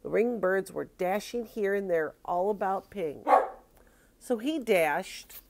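Older woman, a grandmother reading a picture book aloud; slow, expressive delivery, middle pitch. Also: gravelly, slight background noise. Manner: expressive, drawn-out storytelling.

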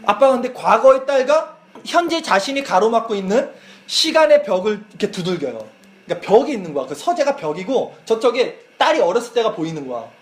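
A man preaching a youth sermon, retelling a film as a lively story and acting out the quoted lines. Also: high voice, brisk. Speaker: youth pastor. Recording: echoey church hall.

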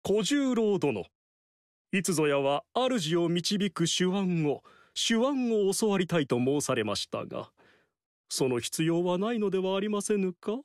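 In Japanese game dialogue, a vain, theatrical male strategist brags slyly about his own schemes, savoring each word slowly. His sing-song pitch leaps and dips dramatically, and his volume swings between loud and soft. The dry studio mic gives a close recording with no room sound.

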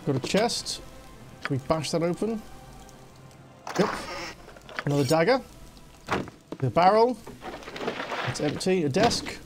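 Brief: high-voiced male gamer, casual play-by-play commentary. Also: expressive, slow, long pauses, music in the background. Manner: reads game dialogue aloud, chatty. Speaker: let's play host.

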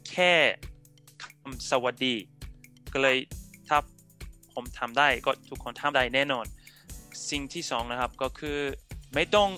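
A young man with an Australian accent, a native English speaker, chatting casually and haltingly on a headset during a video call. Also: medium pitch, pushed and bright, faint music behind. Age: young adult. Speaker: interview guest, YouTuber. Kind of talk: casual chat.

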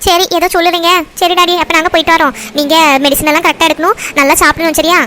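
A woman voicing a high, fast cartoon family. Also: steady tone, bright, forceful tone, a little hiss or hum. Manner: voices several characters: daughter, mother, sister, priest. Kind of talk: cartoon voice acting.

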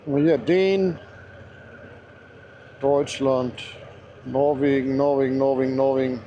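Speaking slowly through a helmet mic, a man gives a chatty, enthusiastic ride commentary on a mountain road, addressing viewers and himself. His voice is medium in pitch with fairly even intonation. The high frequencies are cut off and a little hiss or hum is present.

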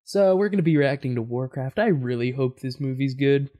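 A man at an ordinary, mid-range pitch chats through his reactions as a video host. He talks in a loose, rambling way, with fillers and restarts. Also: lively intonation, brisk, dark tone. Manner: rambling, chatty, with fillers and self-corrections. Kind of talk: casual reaction commentary.

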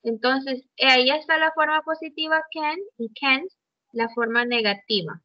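Speaking at a moderate pace in a high-pitched voice, a woman runs an online English grammar class in Spanish, using English examples. She checks in regularly, and the muffled, dull audio has no room sound.

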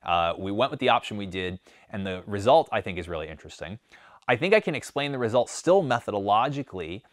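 A communication professor from the Northeastern United States, with a slight Northeast accent, presents his research conversationally, using lots of fillers. His voice is fairly low, with big pitch swings and a fast pace, recorded at studio quality with no room sound.

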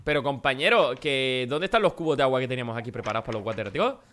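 A young man from chatting excitedly and joking while playing Minecraft with a friend. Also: mid-range voice, racing, slight background noise. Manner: excitable, joking, shouts during jumps. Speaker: gaming channel host. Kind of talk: excited Minecraft let's play chat.

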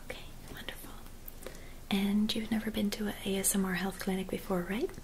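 A woman in her twenties doing a whispered role-play as a spa attendant, speaking softly and gently in an attentive, whispery voice. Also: medium pitch, level tone, brisk, slight background noise. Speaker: ASMR performer playing a spa clinic receptionist and therapist. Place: small dim room at home.

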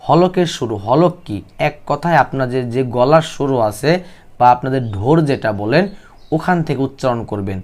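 A man teaching Quran recitation, speaking with a Bangladeshi Bengali accent, who explains quickly and then chants each word in slow, drawn-out syllables. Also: mid-range voice, lively intonation, a little mellow.

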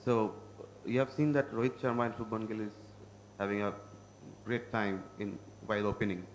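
A man's voice: fairly low pitch, level tone, normal speed, slight background noise, poor audio. A man working as a reporter, politely asking a question at a press conference.

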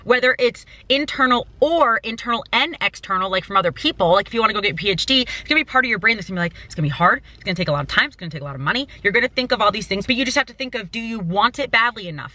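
Bright-voiced young woman, motivational vlog. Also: medium pitch. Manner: animated, gestures a lot, mimics doubting voices. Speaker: travel vlogger. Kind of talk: motivational talk to camera. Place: inside a parked car. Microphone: small camera's built-in mic at arm's length.

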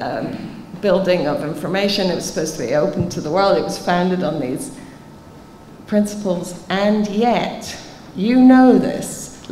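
A woman's voice: mid-range voice, a little mellow, a little hiss or hum. Woman, 50s, panel speaker, emphatic and explanatory; table mic, echoey conference hall. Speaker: keynote speaker answering questions. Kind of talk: conference Q&A answers. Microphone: table microphone. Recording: reverberant hall, faint ambience.

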